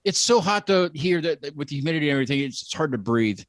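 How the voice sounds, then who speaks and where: A man's voice: fairly high pitch, animated, rapid-fire, dry recording. A man hosting a casual interview, rambling and repeating words as he searches for what to say. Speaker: podcast host.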